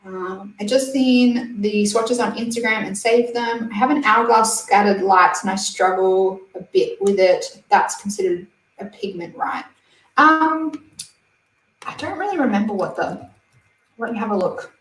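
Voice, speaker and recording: This woman, a beauty channel host in her twenties, sounds medium-pitched and a little slow. She's chatting loosely on a livestream, giggling while reading comments from viewers, captured by a somewhat distant mic in a roomy space.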